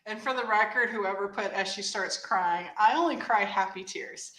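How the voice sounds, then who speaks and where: A woman hosting a casual chat, telling stories in an animated way and laughing easily. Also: medium pitch, moderate pace, roomy sound, low-quality recording. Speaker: host.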